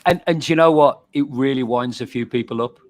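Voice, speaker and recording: A man, a pub and bar owner, chatting as a guest and telling animated stories, often repeating words. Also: mid-range voice, brisk, no echo. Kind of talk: casual chat.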